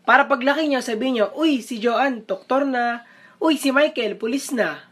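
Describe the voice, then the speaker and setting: A woman acting in short comedy skits, loud and scolding. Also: sits high, moderate pace. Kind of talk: comedy skit.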